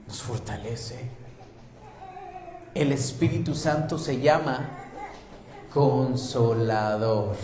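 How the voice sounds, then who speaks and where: A man with a Mexican accent preaching a sermon as pastor, moving between loud emphatic passages and soft hushed ones. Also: medium pitch, reverberant, noisy background. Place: church.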